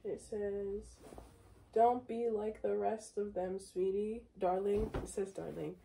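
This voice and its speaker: A woman's voice: medium pitch, fairly even intonation, slow, creaky, noisy background. A teenage girl in casual vlog chat, rambling with lots of filler words, filmed on a phone in her bedroom. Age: teens. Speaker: vlogger. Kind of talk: casual day-in-my-life vlog. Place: small bedroom at home. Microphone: phone camera propped nearby.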